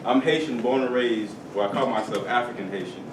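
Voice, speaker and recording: At a school career day, a young male guest speaker gives children a motivational talk in a classroom or hall, playful and lively, drawing them into call-and-response. His medium-pitched voice runs a little fast. A distant camera picks him up across the reverberant room, with steady background noise.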